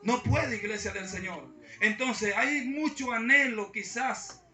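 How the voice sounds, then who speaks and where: A man's voice: sits high, a little slow, bright, forceful tone. A man, a pastor preaching a sermon and calling out again and again to the congregation. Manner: preaching with repeated call-outs to the congregation. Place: church. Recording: echoey church hall from far off.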